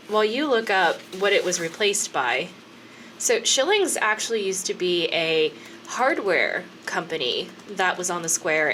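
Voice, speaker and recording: A woman's voice: fairly low pitch, fairly bright tone, a little hiss or hum. A woman in her thirties co-hosting a podcast in casual chat, chatty with frequent laughs and fillers. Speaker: podcast co-host.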